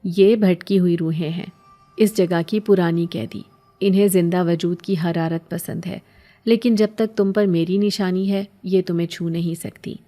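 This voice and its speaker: A woman voicing a possessive male jinn who speaks in a low, menacing way and roars when angry, in a horror story. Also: steady tone, mellow, faint music behind, close to an everyday voice. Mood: calm.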